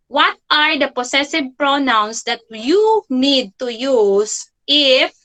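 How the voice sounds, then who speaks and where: A woman's voice: on the high side, bright, forceful tone, rough recording. A woman teaching an online grammar lesson for children, repeating key phrases and checking in with "okay?" after nearly every point.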